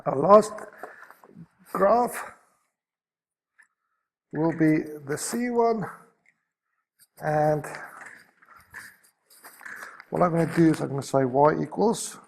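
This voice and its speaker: A man's voice: on the high side, slow pace, vocal fry, pauses often, darkish tone. A man teaching a maths lesson, talking through each step as he sketches a graph and correcting himself as he goes.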